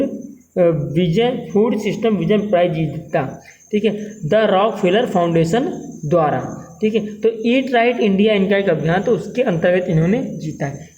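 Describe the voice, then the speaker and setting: A man's voice: high-pitched, darkish tone, slight background noise, poor audio. A man teaching exam-prep current affairs as a lecture, repeating each question and tagging lines with "theek hai", in a North Indian Hindi accent.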